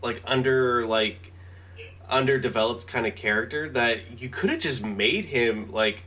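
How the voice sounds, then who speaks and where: Young male co-host, casual rambling delivery, middle pitch. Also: unhurried, bright, forceful tone. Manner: loose, laughing, lots of "like". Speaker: podcast co-host. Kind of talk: casual chat.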